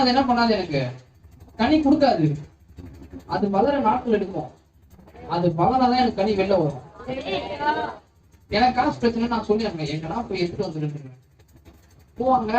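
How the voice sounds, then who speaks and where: High-voiced pastor preaching in an echoey room. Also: male voice, darkish tone, far from the mic, dull audio, slight background noise. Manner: keeps asking the congregation if they understand. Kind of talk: sermon.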